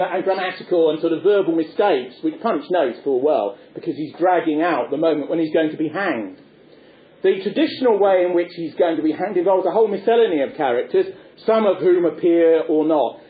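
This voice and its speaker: A man giving a discursive lecture in a wry, erudite, digressive manner. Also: a little high. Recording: echoey tinny phone-like recording.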